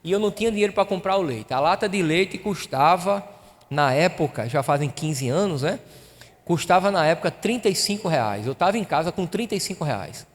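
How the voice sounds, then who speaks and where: A man's voice: high-pitched, lively intonation, brisk. A male pastor, preaching a sermon in a church and telling a personal story with emotion, acting out the dialogue. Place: church hall. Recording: reverberant hall.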